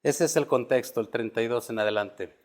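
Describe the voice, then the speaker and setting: A man preaching a sermon, moving from quiet storytelling to loud emphatic peaks and calling listeners "brother". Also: mid-range voice, fairly quick. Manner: addresses listeners as "hermano". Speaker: pastor.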